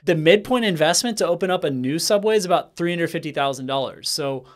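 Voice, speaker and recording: A franchise consultant and channel host in his thirties offers skeptical business commentary directly to camera, gesturing with his hands. He sits in a small, bright indoor room with a bookshelf and a plant, speaking into a desk microphone in front of him in a slightly high, animated voice at a quick pace.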